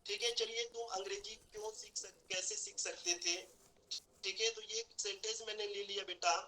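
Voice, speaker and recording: A man teaching a spoken English class, repeating example sentences slowly and urging his students to practise and work hard. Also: sits high, steady tone, bright, forceful tone, slight background noise, rough recording. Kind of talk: online language class explaining grammar.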